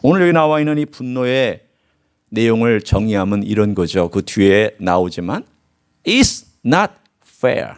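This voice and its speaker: A man preaching a sermon as pastor, asking his congregation questions and swinging his voice high and low as he acts out the scripture. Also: normal speed, clear, resonant tone. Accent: Korean. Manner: animated preaching with sharp pitch swings. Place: church sanctuary.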